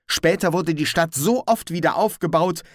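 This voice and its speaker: A man's voice: fairly high pitch, moderate pace, no room sound, clean studio sound, voice pushed up, close to an everyday voice. A man doing an earnest young watch captain.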